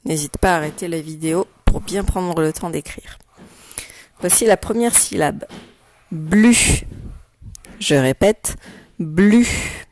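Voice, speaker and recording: A woman teacher giving a spelling dictation to young children, speaking slowly and pronouncing each syllable with care. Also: low voice, a little mellow. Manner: slow, carefully articulated, patient; repeats words and stresses syllables for spelling. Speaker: primary school teacher.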